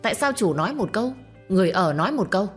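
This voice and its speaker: A woman's voice: mid-range voice, very animated, racing, soft background music, voice pushed up, lightly acted. A woman voicing a stern, commanding mistress of a household who lectures and orders servants about. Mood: scolding. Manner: stern, bossy.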